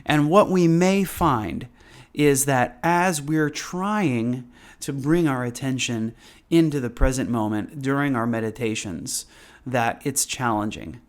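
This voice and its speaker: A man's voice: medium pitch, slow pace. Man casually teaching a meditation class.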